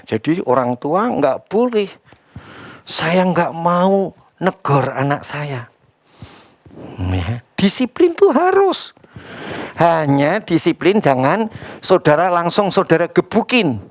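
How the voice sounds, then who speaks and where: A man preaching a sermon as pastor, quizzing the congregation and swinging between loud emphatic lines and quiet asides. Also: a little high, dry recording. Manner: asks the congregation questions, addressing them as brothers and sisters.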